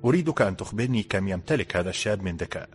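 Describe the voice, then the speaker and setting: Storybook role: male narrator doing an authoritative ruler, low voice, formal delivery. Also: animated, racing, soft background music, lightly acted. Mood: commanding. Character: stern powerful male ruler, commanding.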